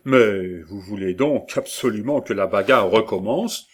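A man's voice: fairly low pitch, a little slow. Man doing a fiery, proud old-world master craftsman. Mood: emphatic. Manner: emphatic and declamatory. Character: passionate Renaissance master goldsmith, fiery and proud.

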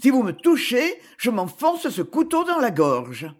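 Reader doing a heartbroken young woman, husky, jumps way up high and loud. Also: huge pitch swings, a little slow. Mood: fierce. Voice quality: hoarse when threatening. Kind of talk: audiobook character voice.

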